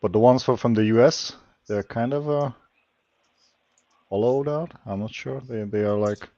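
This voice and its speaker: A man from Slovakia, speaking English as an in casual chat, halting and searching for words. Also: mid-range voice, dark tone, no room sound. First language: Hungarian. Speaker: lockpicking livestream guest. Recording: dull lo-fi stream audio.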